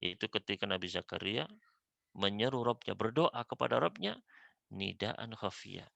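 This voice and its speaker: A man teaching a religious study class, speaking in a measured way and reciting Arabic prayers slowly. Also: lowish voice, lively intonation, vocal fry, fairly bright tone, no echo, muffled recording. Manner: measured teaching, fills pauses with a repeated affirming word.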